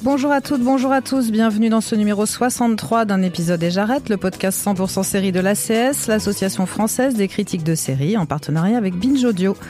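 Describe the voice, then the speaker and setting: A woman hosts a podcast with a mellow, warm tone. She reads her introduction smoothly and then asks her guests questions in an articulate, lively way. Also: medium pitch. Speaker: podcast host. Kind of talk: scripted podcast introduction and interviewing.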